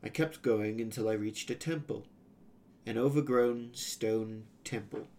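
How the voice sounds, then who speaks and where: A man reading a first-person fantasy adventure story aloud as its narrator, in a steady storytelling voice. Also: fairly low pitch, unhurried.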